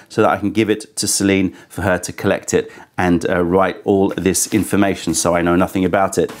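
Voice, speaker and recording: In an indoor studio with a sofa on set, a man in his thirties reviews tea casually, speaking at medium pitch into his lapel mic. His remarks are reflective and frank, leaning slightly critical.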